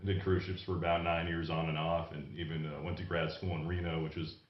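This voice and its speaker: A musician in his thirties, from the United States, telling his story in a relaxed, casual interview. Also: sits low, fast talker. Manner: relaxed storytelling with light laughs. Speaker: musician guest. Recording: distant mic, echoey dull room.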